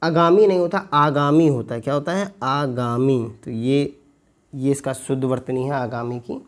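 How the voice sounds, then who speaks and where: A male teacher working through an exam paper, repeating words slowly to spell them out and asking his viewers questions. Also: medium pitch, darkish tone. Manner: slow, stretched repetition of words to spell them out; addresses viewers as friends, asks them questions. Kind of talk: exam paper walkthrough lesson.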